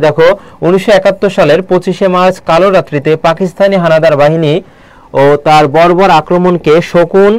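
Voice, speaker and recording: A man teaching a live online Bangla lesson, keeps asking the viewers questions and slows down to read poem lines aloud. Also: sits high, a little mellow, clean tone, no room sound. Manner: quizzing viewers with repeated questions.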